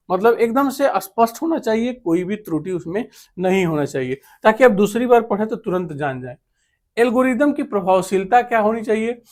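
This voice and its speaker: A male computer teacher giving a classroom lecture, posing questions and answering them himself, and restating key terms in English. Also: high-pitched. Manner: answers his own rhetorical questions.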